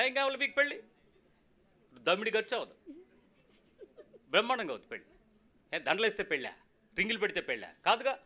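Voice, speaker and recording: A man preaching in a church, talking fast in a high, bright voice. He keeps firing questions at his congregation to drive each point home. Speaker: pastor. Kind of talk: sermon.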